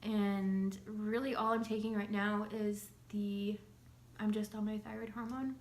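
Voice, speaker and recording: Her voice is mid-range and level, a little slow. This young woman, nursing a slight cold, rambles casually to camera with many fillers as she shares her recovery, clearing her throat now and then in an echoey room where a faint hum lingers.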